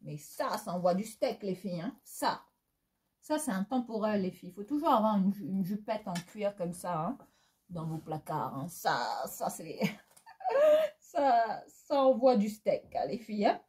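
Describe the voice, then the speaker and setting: Chatty Réunionese French woman, lively pitch. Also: a little slow, breathy edge. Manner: chatty, theatrical, frequent laughs and fillers. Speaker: fashion vlogger. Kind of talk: casual haul chat to viewers.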